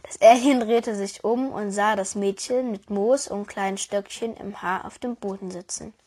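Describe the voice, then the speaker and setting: A woman telling a children's bedtime-style story in a calm, even manner. Her voice sits in a middle pitch and keeps a steady storyteller's pace. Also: normal speed. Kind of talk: reading a children's story aloud.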